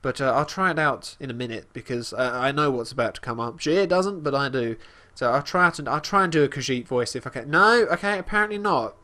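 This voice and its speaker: A man casually commenting on his gameplay as host, talking about his character in third person with halting restarts and fillers. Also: medium pitch, lively intonation, bright, forceful tone. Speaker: let's play host.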